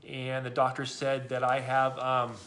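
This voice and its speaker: A man's voice: mid-range voice, completely flat delivery, measured pace, fairly bright tone. A middle-aged man telling product stories in a loose, rambling way, full of ums and restarts. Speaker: product testimonial speaker. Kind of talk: casual testimonial talk.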